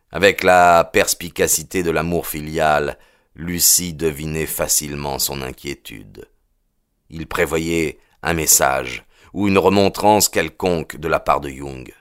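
A man reading a novel aloud as an audiobook narrator, in a measured, expressive way. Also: extremely low pitch, clear, resonant tone, no room sound, studio quality. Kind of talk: scripted narration.

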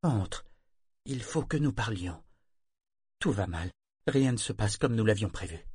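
A man reading the part of a sleepless widowed mother, speaking in a hushed, soft voice. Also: fairly low pitch, expressive, unhurried, breathy edge, dry recording, studio quality, exaggerated voice. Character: weary widowed mother, older woman, sleepless.

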